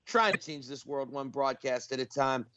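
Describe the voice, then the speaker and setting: An enthusiastic man hosts a radio talk show and leans hard into his words. His voice sits at an ordinary middle pitch. The sound is dry and slightly muffled. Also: no room sound. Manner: energetic, emphatic, repeats details slowly.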